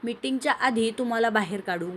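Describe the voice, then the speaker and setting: A composed young boss keeps his team in line with dry, firm remarks, as a woman reader gives him a higher, light tone. He stays level and in charge, with a faint teasing edge. The story is told in a plain reading voice with only a slight hiss behind it. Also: a little fast, fairly bright tone, close to an everyday voice. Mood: stern. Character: calm stern young male boss.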